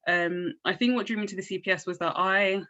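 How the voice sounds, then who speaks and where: A woman's voice: medium pitch, fairly even intonation, brisk, sharp tone, muffled recording. A young woman, a pupil barrister speaking as a guest on an online panel, chatty with frequent ums and a self-deprecating tone. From South East London. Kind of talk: casual talk on an online panel.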